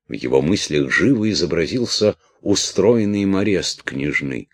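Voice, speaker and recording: Very deep-voiced male audiobook narrator. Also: dry recording.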